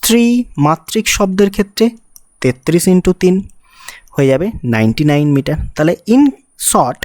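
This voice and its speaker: A teacher explains physics problems for exam students one step at a time. The voice sits at a middle pitch, and it is recorded close up on a dry mic with no room echo. The teacher keeps asking the student rhetorical questions and uses English technical words in the middle of sentences. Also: sing-song, moderate pace, darkish tone. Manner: mixes English technical terms into the talk. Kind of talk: exam-prep physics lesson.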